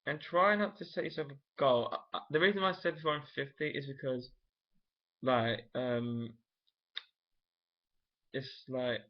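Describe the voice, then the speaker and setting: A man's voice: mid-range voice, fairly even intonation, measured pace, pauses often. A young man chatting casually to camera in a vlog, rambling and thinking aloud with frequent restarts. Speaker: vlogger. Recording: dull lo-fi home recording.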